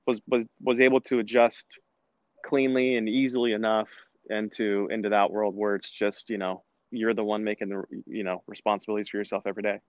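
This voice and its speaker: A man's voice: fairly low pitch, level tone, fairly quick, dry recording, dull audio. A man, a former college soccer player, telling his story in a casual interview with lots of restarts and fillers. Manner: rambling, many restarts and filler words.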